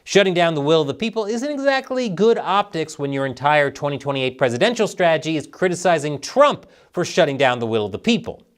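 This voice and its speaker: Guy doing snarky news commentary, voice jumps up and down a lot, kinda high. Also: fairly quick, hardly any pauses. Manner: sarcastic, lively delivery with jokes. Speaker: news show host.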